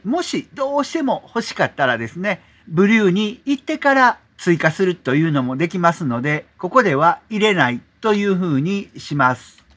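A man hosting a software tutorial, explaining step by step in a polite manner, often adding 'desu ne' as filler. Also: sits high. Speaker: tutorial host. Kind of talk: screen-recorded software tutorial.

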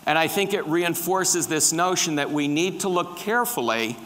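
Middle-aged male lecturer, slightly high voice, engaging, quizzes the crowd; big echoey hall. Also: moderate pace, fairly bright tone. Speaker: conference speaker on tree pests. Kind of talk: lecture with slides. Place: large dark conference hall with a stage. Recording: reverberant conference hall.

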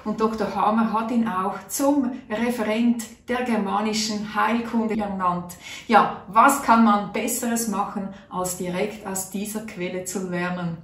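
Speaking at a measured pace with a steady, medium-pitched voice, a middle-aged Swiss natural health vlogger tells a personal story to camera while seated at a table in a small room. She is earnest and chatty, acting out her own thoughts, and the recording from a distance sounds roomy and off-mic.

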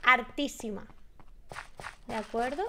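A young woman with a Spanish accent, chatting to her viewers while playing a game, with sudden high shrieks. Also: takes it slowly, bright, forceful tone, slight background noise. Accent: Spanish from Spain. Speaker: gaming YouTuber. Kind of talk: Minecraft let's play commentary. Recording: game music behind the voice.

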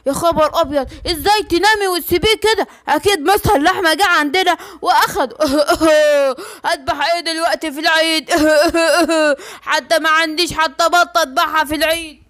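A woman's voice: very high voice, fast, pushed and bright. A woman voicing a fussy father lion in a cartoon, with an Egyptian accent and a wailing, complaining manner. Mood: dismayed. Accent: Egyptian Arabic. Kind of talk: cartoon bedtime story voicing.

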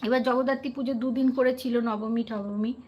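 A woman's voice: a little high, fairly even intonation, a little fast, muffled recording. A woman from West Bengal chatting casually and earnestly with viewers on a live stream, often asking them questions.

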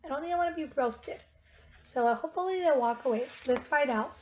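Her high voice is fairly quick with a darkish tone as she, a teacher in her thirties, reads to young children and repeats questions to them. The webcam is about arm's length away in her living room at home, and the recording sounds dull with clear noise.

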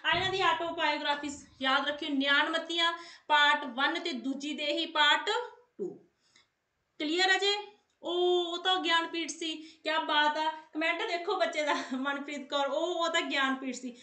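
A woman's voice: sits high, steady tone, normal speed, pushed and bright. An Indian Punjabi woman teaching a live quiz class, insistently repeating her prompts and coaxing or scolding pupils in a familiar, chatty way. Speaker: online exam coaching teacher. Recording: echoey room sound.

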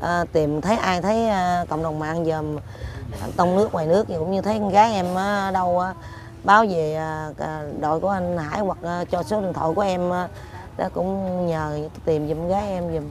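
An older woman with a Southern Vietnamese accent, being interviewed outdoors, speaking haltingly with many fillers and pleading. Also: on the low side, steady tone. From Tiền Giang, Vietnam. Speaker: interviewee, mother of a missing woman. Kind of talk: street interview. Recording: loud crowd behind.

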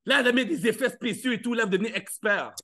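High, bright-voiced male motivational speaker. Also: fast talker. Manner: playful, questions the audience, acts out little scenes. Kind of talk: live motivational talk to an audience. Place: live event stage.

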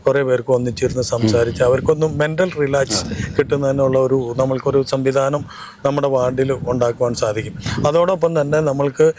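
A man answering interview questions as a local election candidate, earnest and measured, listing his plans point by point. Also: medium pitch, noisy background.

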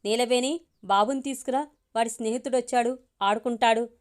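A woman voicing a warm, eager grandmother in her sixties or older, speaking fondly in a homely way. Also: fairly high pitch, steady tone, fairly quick, natural voice. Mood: affectionate.

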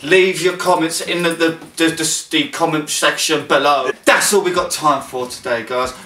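A man's voice: on the high side, fairly even intonation, moderate pace, bright, forceful tone, slight background noise. A young man co-hosting a casual comedy chat in a joking manner, tripping over his words. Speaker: member of a music group, co-host. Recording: echoey room, mic at a distance.

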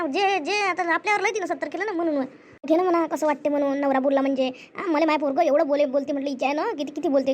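A woman tells a family story in a chatty way. She repeats herself often, reassures the others and gossips about the family. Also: high voice. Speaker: storyteller voicing family members. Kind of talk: conversational family skit.

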